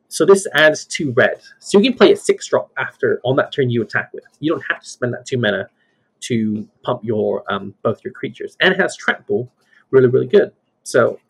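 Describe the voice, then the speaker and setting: A man co-hosting a podcast, halting and plain, reading things out with many ums. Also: medium pitch, gravelly, breathy edge. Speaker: podcast co-host reviewing cards. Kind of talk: casual podcast chat.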